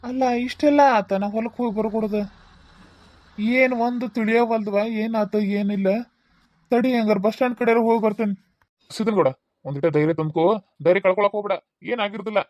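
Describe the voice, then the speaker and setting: A woman's voice: mid-range voice, fairly quick, a little mellow, no room sound, lightly acted. A woman with a North Karnataka Kannada accent, playing a worried old village father-in-law in a comedy skit, rambling and repeating her questions. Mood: worried, bewildered.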